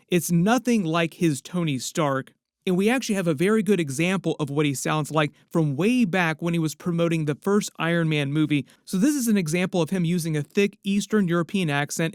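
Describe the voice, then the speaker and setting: A man's voice: on the high side, no room sound, studio quality. A man giving casual movie-news commentary in a rambling, speculative way with frequent asides.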